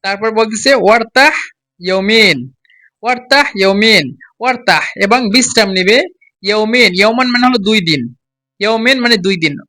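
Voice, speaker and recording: A man gives a language lesson in a high, bright voice. He repeats each phrase slowly and presses learners to say it exactly as he does. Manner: repeats each phrase slowly and urges listeners to copy his pronunciation. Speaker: Arabic teacher.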